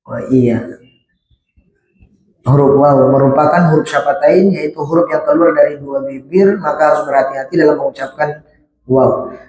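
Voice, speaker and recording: Guy teaching quran reciting, high voice, slow and patient, chants verses then corrects, big echoey hall. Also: fairly even intonation, a little mellow.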